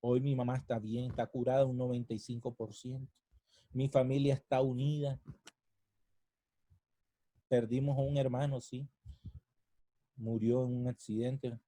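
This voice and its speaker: A man, preaching a sermon and telling his own story, swinging from soft, hushed lines to loud, impassioned peaks. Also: medium pitch, flat delivery, measured pace, long pauses, no room sound, low-quality recording. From Colombia. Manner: emotional, rising to near-shouting at climaxes then dropping soft. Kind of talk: sermon with personal testimony.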